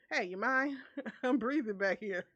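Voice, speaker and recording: A woman's voice: a little high, a bit bright, husky, exaggerated voice. A woman putting on a stereotypical Boston accent to voice a cheeky young man, mocking and giggling through his lines. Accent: put-on Boston.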